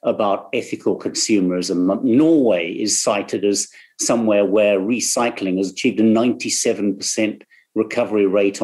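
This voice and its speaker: A man moderating a video-call panel, asking measured and courteous questions. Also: fairly low pitch, darkish tone.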